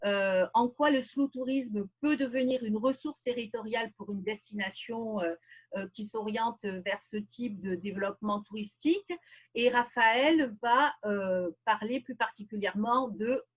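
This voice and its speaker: A woman speaking on a video call, presenting a webinar in a measured, explanatory lecture style with frequent pauses. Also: a little high, poor audio.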